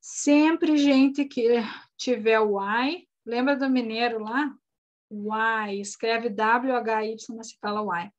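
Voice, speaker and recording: High-voiced woman teaching English. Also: steady tone, highs cut off. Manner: patient, explains slowly, spells words out. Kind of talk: recorded online lesson recap.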